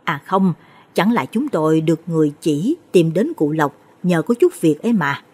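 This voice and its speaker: A woman's voice: deep voice, very animated, normal speed, darkish tone, breathy edge, heavily acted. Woman doing a puzzled older lady. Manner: bewildered, questioning.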